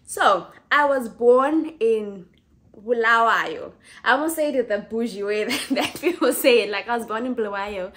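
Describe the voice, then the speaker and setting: A woman in her twenties with a Zimbabwean accent, chatting casually to camera as a vlogger, talking in a relaxed way, laughing easily and correcting herself as she goes. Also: on the high side, normal speed. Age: 20s.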